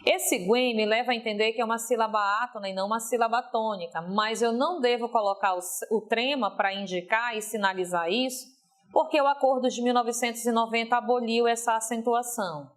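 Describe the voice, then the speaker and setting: Didactic woman teacher. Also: a little high. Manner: didactic, stretches example words slowly, frequent "ok?". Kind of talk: recorded video lesson.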